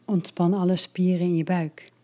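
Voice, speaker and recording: A woman leading a guided relaxation, her voice low and mellow. She talks slowly and softly, sometimes dropping to a whisper. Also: flat delivery. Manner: slow, soft and soothing, partly whispered.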